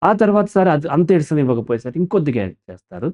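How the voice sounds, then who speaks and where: The recording is muffled, and the man's voice sits on the high side while he races along. He's a counselor guest in an interview whose explanatory, animated style has him asking questions and answering them himself.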